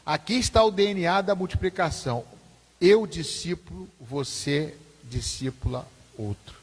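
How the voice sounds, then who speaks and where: A man's voice: on the high side, lively intonation, unhurried. A man, a pastor teaching a Sunday school class in an informal, repetitive way, often asking the class questions. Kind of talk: conversational church teaching. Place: church hall. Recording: husky voice in a reverberant church hall.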